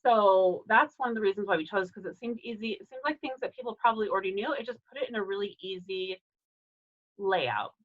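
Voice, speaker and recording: A woman's voice: medium pitch, a little fast, highs cut off. A woman presenting a staff training on a video call in a casual way, with many fillers and restarts.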